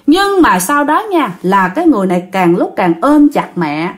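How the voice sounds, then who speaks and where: A woman's voice: medium pitch, moderate pace. A woman with a Southern Vietnamese accent telling a ghost story in a casual way, talking straight to her listeners. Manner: animated, addresses listeners directly.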